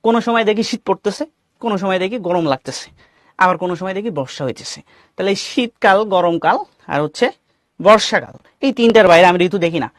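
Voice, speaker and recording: A man's voice: high voice, expressive, brisk, no room sound, clean studio sound. A man from Bangladesh with a Bangladeshi Bengali accent, teaching an English lesson in an online class. He asks the class questions, reads out students' names and mixes English phrases into his Bengali.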